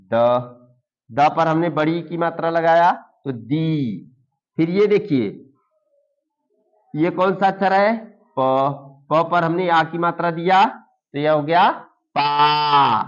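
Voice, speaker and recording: Slow, patient male reading teacher. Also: on the high side, steady tone. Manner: slow, drawn-out syllables, repeats each word for learners. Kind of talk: slow Hindi reading lesson for beginners. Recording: dull lo-fi recording.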